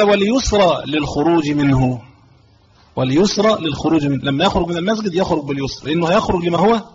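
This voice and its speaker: A man with an Egyptian accent and a somewhat high voice teaches a religious lesson as a sheikh, reading a line of text and then slowly explaining it while repeating key phrases. The audio is a little dull, with faint background noise.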